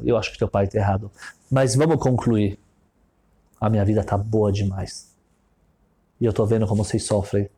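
Guy putting on a sneering rich crook, deep and quiet, smug as anything. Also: natural voice. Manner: slow, low and dismissive. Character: smug dishonest rich man, middle-aged, cynical and scornful.

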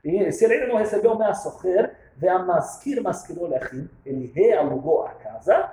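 A man giving a lively lesson on religious law, telling stories and acting out the dialogue with sudden jumps in pitch. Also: normal speed, roomy sound, rough recording. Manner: animated, acts out dialogue with sharp pitch jumps.

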